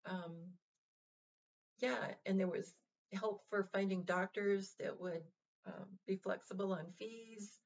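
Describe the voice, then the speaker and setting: A vlog host with a middle-pitched, steady, creaky voice gives a casual, heartfelt address straight to her viewers, gentle and reassuring. She speaks haltingly, pausing often, restarting phrases and using many fillers. The recording sounds dull and lo-fi.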